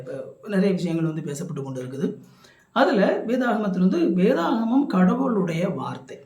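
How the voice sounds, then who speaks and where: A man's voice: high-pitched, a little mellow, roomy sound. A man teaching about the Bible, explaining at length with repeated phrases and restarts.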